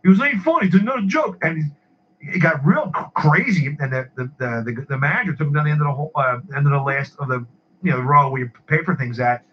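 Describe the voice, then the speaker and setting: A man's voice: fairly high pitch, fast talker. A man telling rambling stories in casual chat, repeating his words and laughing at his own tales. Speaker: podcast regular. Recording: muffled lo-fi with faint hiss.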